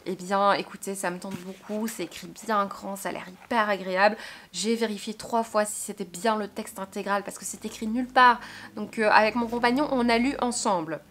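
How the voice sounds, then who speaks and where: A woman's voice: mid-range voice, fairly even intonation, fairly quick, a bit bright, slight background noise. A young woman from Belgium, chatting casually about her book haul, hesitant with many fillers and restarts. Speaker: book vlogger.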